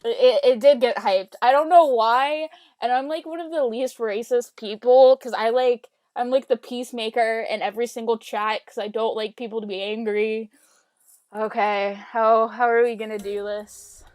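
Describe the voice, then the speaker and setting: A woman's voice: a little high, steady tone, moderate pace, a little mellow, no room sound. Giggly young woman co-hosting a podcast. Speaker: podcast co-host. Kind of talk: casual group chat over voice call.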